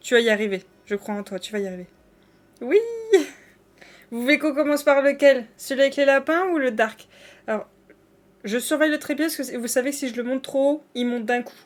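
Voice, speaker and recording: A woman talks to her live-stream audience at a fairly quick clip, her voice pitched a little high. Her chat with viewers is loose and friendly, with lots of fillers and restarts.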